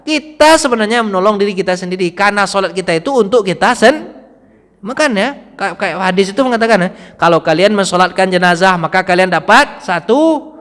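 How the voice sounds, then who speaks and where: A man giving a mosque study-circle sermon, chatting with the congregation, asking them questions and slowing down when he quotes the Prophet. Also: high voice, expressive, a bit bright. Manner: conversational, asks the congregation questions; slows down when quoting the Prophet. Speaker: preacher. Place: mosque hall. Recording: long hall reverb.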